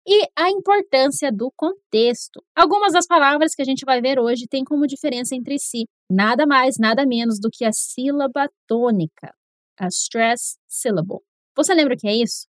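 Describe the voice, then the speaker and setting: A Brazilian woman with a high, bright-pitched voice teaches English pronunciation on a podcast. She sounds upbeat and encouraging and slows down to model each English word. The recording is dry and close to the mic. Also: no echo. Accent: Brazilian Portuguese.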